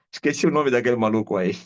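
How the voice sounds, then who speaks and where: A middle-aged man with an Angolan Portuguese accent, an apostle giving an animated testimony sermon over a live video call. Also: mid-range voice. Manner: animated storyteller, acts out quoted voices and shouts. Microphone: video call audio. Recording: dull lo-fi video call audio.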